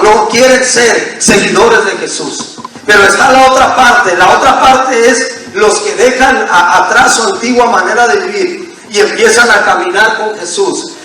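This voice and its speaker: A man's voice: sits high, sharp tone, a little hiss or hum. A man preaching a sermon as pastor, emphatic and calling on the congregation to answer back. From Mexico. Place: church sanctuary. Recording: echoey church hall from far off.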